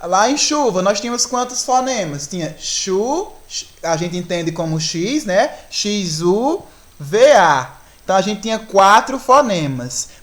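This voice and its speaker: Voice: mid-range voice, lively intonation, moderate pace, few pauses, a bit bright. A teacher with a Brazilian Portuguese accent, explaining a grammar lesson step by step and often asking the class whether they follow.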